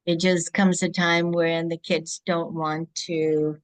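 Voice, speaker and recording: A woman born in Greece speaks as an interview guest over a video call. Her voice sits a little low, and she talks in a thoughtful, halting way, often pausing and restarting her sentences. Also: flat delivery. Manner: reflective, halting, with frequent restarts. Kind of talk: casual interview chat.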